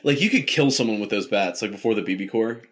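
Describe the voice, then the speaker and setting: A man's voice: fairly low pitch, fast talker, a bit bright, husky. A young man talking casually with a friend, his speech loose and full of fillers. He breaks into laughter often while rambling through stories. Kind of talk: casual chat.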